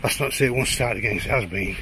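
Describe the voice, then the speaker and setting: A man's voice: mid-range voice, very fast. Breathless Teesside man vlogging outdoors. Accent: Teesside English. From Teesside, England. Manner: chatty, self-deprecating, rambling asides. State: out of breath from hiking. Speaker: photographer vlogger. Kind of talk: casual walking vlog. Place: outdoors on a windy highland lochside trail. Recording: wind noise outdoors.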